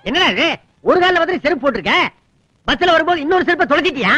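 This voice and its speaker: An actor playing an excitable man in a film comedy, loud and exclamatory, who wails over bad news. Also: extremely high pitch, very fast, no room sound, exaggerated voice. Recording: crowd clearly behind.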